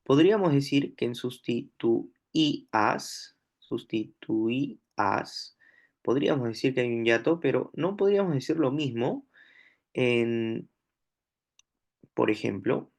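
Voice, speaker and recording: Slow, gravelly Peruvian Spanish teacher. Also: male voice, medium pitch, expressive, darkish tone. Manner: slow and deliberate, repeating words aloud. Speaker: language teacher. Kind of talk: worked-example grammar lesson.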